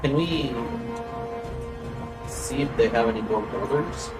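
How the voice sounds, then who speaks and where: Lively-pitched male tabletop player. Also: unhurried, music in the background. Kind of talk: casual in-game discussion.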